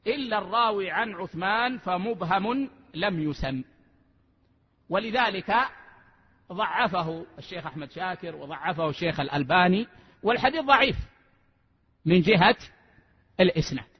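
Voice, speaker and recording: Husky high-voiced sheikh in an echoey hall. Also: male voice, expressive. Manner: measured, repeats key phrases for emphasis. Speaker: sheikh teaching a lesson. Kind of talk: religious lesson explaining a text. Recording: echoey hall, dull lo-fi sound.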